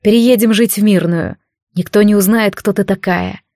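A woman's voice: mid-range voice, moderate pace, creaky, mellow, no room sound, studio quality, natural voice. A woman reading an audiobook, voicing a proud, resolute young male warrior leader in a firm, declarative way.

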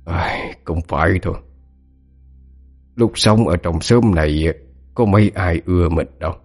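A man voicing the ghost of a grumpy old rich village man, speaking in a gruff, bossy way that turns quiet and distant. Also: low-pitched, unhurried, long reverb tail, soft background music. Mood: rueful.

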